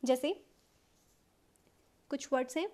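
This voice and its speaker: An Indian woman with a high, light voice gives a step-by-step shorthand lesson. She talks patiently and keeps checking in with her students. She slows right down when she dictates the rules. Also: darkish tone. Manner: patient explaining, frequent "okay" checks, mixes English terms into Hindi; slows right down to dictate English rule lines. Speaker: shorthand teacher.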